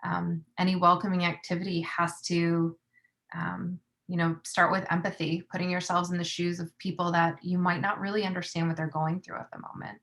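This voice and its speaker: Thoughtful woman with a lower voice. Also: flat delivery, normal speed, a bit bright. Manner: thoughtful, many fillers. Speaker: workshop participant. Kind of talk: sharing thoughts in a group discussion.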